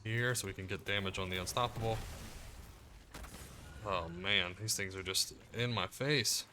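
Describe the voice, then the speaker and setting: A man giving casual commentary as he plays through a video game guide, relaxed and explaining as he goes. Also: sits low, unhurried, a little hiss or hum. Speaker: gaming guide creator. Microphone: desk mic, muted to cough.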